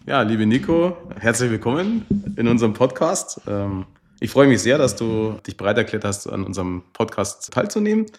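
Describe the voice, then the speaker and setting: A man's voice: mid-range voice, big pitch swings, moderate pace. A man hosting a local podcast interview, asking friendly, slightly formal questions. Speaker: podcast host.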